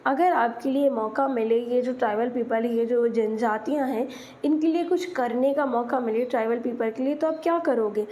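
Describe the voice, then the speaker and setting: High-voiced patient woman teacher. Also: moderate pace, mellow. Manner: patient, explains English words in Hindi and spells them letter by letter. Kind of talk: exam-prep lesson explanation.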